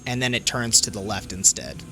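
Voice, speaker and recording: A man's voice: fairly low pitch, expressive, a little fast, heavy background noise. A young man running a tabletop game as game master, describing scenes with fillers and restarts. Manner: descriptive narration with fillers and restarts, laughs easily.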